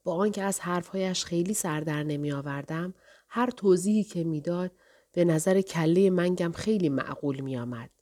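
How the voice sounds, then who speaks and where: A woman reading a novel aloud in first person, even and measured. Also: fairly low pitch. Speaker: audiobook narrator. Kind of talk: scripted first-person narration.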